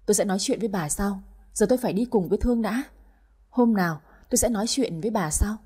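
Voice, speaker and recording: Brief: woman doing a hesitant older man who pleads and gives in, husky tone. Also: mid-range voice, fast talker, mellow, close to an everyday voice. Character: older husband, weak-willed and torn.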